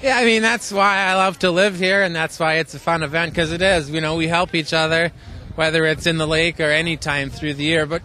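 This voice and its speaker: American man, high pitch, modest halting talk, casual interview, faint outdoor noise. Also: bright, forceful tone. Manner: modest, plain-spoken, halting. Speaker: event organizer being interviewed.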